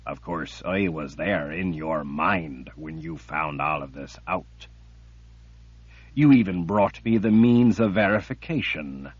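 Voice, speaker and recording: A man voicing a cruel, patient male emperor villain who speaks in a cold, deliberate, menacing way. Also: low-pitched, slightly rough, no room sound, pitched below the performer's own voice, full character voice. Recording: dull lo-fi recording.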